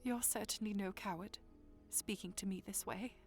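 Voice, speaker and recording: A woman's voice: mid-range voice, fairly even intonation, moderate pace, slightly rough, soft background music. A woman playing an anxious young princess in an audio drama, self-doubting yet earnest and emotional. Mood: soft, trusting.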